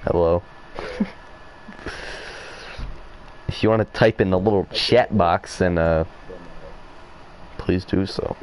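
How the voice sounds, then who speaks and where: A young man casually bantering with a friend while streaming a shooter game, teasing him and breaking into excited yelps. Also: low-pitched, slow, pauses often, rough recording.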